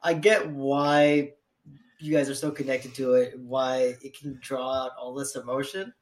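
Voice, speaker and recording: A man's voice: mid-range voice, little pitch movement, a little slow. A man co-hosting a podcast in casual chat, teasing with laughing disbelief. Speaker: podcast co-host.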